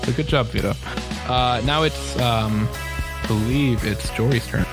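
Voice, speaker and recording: A man running a tabletop game as game master, explaining rules in a casual, halting way. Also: medium pitch, music in the background.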